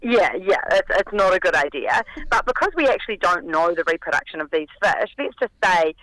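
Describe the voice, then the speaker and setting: A New Zealand woman, croaky with a cold, phoning in to a radio show to explain things in a casual, chatty way. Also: on the low side, lively intonation, brisk, fairly bright tone, no room sound. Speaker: radio segment contributor. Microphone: telephone. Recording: tinny phone line.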